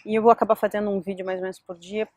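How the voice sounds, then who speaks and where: A middle-aged woman casually giving advice in a vlog, telling stories in an animated way. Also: mid-range voice, rapid-fire. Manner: lively, animated storytelling with quoted dialogue. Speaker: vlogger.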